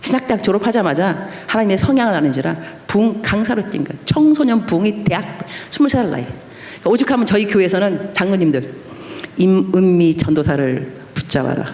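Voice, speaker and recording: A woman pastor in her fifties preaching a lively storytelling sermon at a church evening service, acting out dialogue with laughs. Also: medium pitch, a little fast. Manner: animated, acts out quoted dialogue with laughs. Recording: echoey church hall with long reverb.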